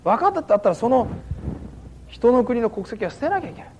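A man's voice: very high-pitched, sing-song, quick pace, mellow, slight background noise. A man giving a sermon as a pastor, conversational and dotted with fillers, in a church hall. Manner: conversational preaching with frequent "ano" fillers.

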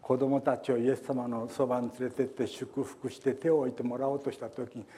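Older man, pastor, folksy sermon, warm mellow voice. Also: medium pitch, flat delivery, brisk. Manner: folksy, chatty, acts out quotes.

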